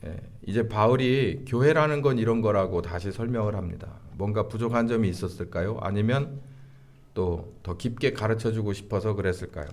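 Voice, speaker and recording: A middle-aged male pastor delivering a sermon slowly and deliberately, with frequent filler sounds between phrases. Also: on the low side, a little mellow.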